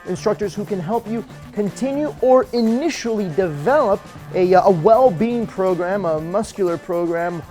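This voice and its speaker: A man's voice: high voice, expressive, moderate pace, few pauses, warm tone, soft background music. A man presenting a chatty promotional ship tour as an upbeat, joking cruise director with playful emphasis.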